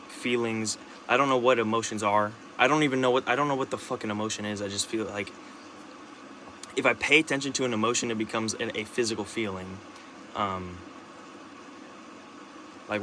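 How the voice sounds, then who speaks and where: A young man talking into his camera in a rambling, halting monologue, restarting sentences and swearing often. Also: fairly low pitch, noisy background. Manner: rambling, halting, with many restarts, fillers and curses. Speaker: vlogger.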